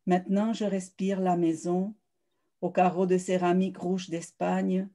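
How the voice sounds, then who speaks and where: Flat, mellow-voiced woman reading poetry. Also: fairly low pitch, unhurried. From South America. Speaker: poet.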